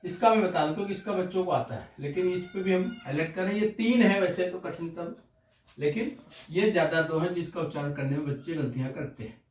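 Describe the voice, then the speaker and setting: A male Hindi teacher giving a classroom-style pronunciation lesson, slowly drilling syllables one by one. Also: high voice. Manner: slow, deliberate syllable-by-syllable drilling. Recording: roomy, distant mic.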